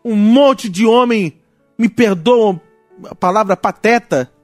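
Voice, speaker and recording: High-voiced Brazilian pastor preaching. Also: male voice, takes it slowly, no room sound, soft background music. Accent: Brazilian Portuguese. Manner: animated preaching, shifts from loud rebuke to low asides. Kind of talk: sermon.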